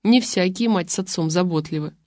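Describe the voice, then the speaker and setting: A calm, even-handed older man, as a woman reader puts him on, reasoning gently. She barely alters her own voice, heard dry and close. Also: fairly low pitch, brisk, no echo, natural voice.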